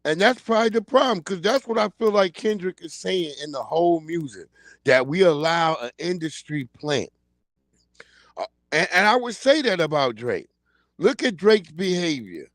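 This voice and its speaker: A man in his forties hosts a casual commentary livestream, ranting bluntly and in slang about the day's news. His voice is on the high side and very animated, at normal speed with a fairly bright tone, captured on a streaming mic with clean studio sound and no room sound.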